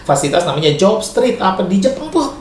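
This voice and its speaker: A middle-aged man from Indonesia giving casual advice as a vlogger, chatty and lively, slipping in Japanese and English words and laughing often. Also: high voice, fairly quick. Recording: echoey room, faint background noise.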